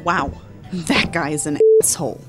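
A sardonic, good-natured reporter, played by a woman in a comic audio drama. She is dry and sarcastic in a slightly low voice, with music in the background. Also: moderate pace, close to an everyday voice. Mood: indignant.

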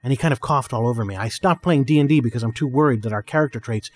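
A man playing an obliging male co-host who reads listener mail in a formal, measured way. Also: mid-range voice, natural voice. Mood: matter-of-fact.

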